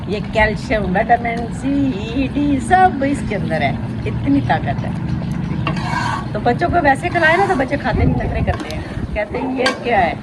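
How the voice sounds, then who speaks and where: A woman's voice: on the high side, sing-song, a little slow. A middle-aged woman with a Pakistani Punjabi accent, chatting to viewers while cooking in a village kitchen. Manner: chatty, addresses viewers directly, frequent fillers. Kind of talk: casual cooking demonstration. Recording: loud outdoor noise with passing vehicles.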